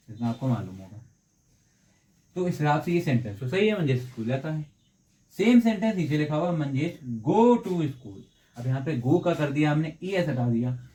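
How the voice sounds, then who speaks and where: A man teaches English grammar in Hindi in a video lesson. He asks his viewers questions and answers them himself. He drags out the example sentences slowly, word by word. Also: mid-range voice, darkish tone.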